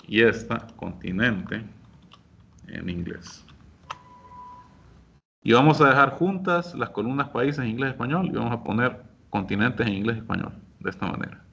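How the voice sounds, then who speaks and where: A man teaching a software class, explaining each step patiently and speaking directly to his students. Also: mid-range voice, highs cut off. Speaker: instructor. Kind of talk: screen-share software lesson.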